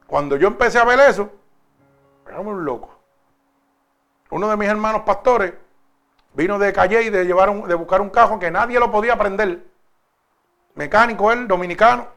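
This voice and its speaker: A man's voice: high-pitched, a bit bright. A man preaching a sermon, stretching out key phrases and telling stories in an emphatic cadence.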